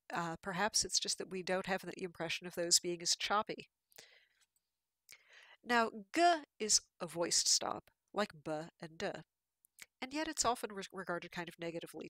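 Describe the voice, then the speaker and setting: A woman's voice: medium pitch, sharp tone, no echo. A woman giving a patient, explanatory lecture with slides, with fillers and restarts.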